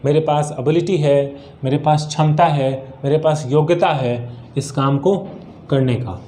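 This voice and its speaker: Indian man teaching English, mellow. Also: on the high side, fairly even intonation, slight background noise. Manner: explains patiently, repeats words and asks rhetorical questions; slows down sharply to read English example sentences. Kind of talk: spoken English vocabulary lesson.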